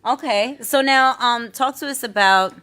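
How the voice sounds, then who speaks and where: A woman's voice: fairly high pitch, measured pace, sharp tone, clean tone. Chatty woman podcast host. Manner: chatty, trips over words. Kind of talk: casual interview chat.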